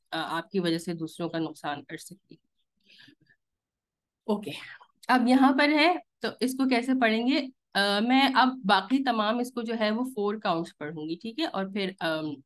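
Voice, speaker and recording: Female online recitation teacher; unhurried, patient, keeps checking understanding over a call. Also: mid-range voice. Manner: patient, explains step by step with frequent "theek hai" checks; stretches recited vowels to counted lengths. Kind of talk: live online class instruction.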